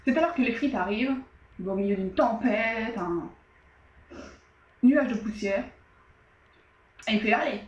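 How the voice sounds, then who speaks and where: A woman's voice: on the high side, a little slow, pauses often, roomy sound, dull audio. A woman casually retelling an old tale as a storyteller, loose and chatty with many fillers and asides.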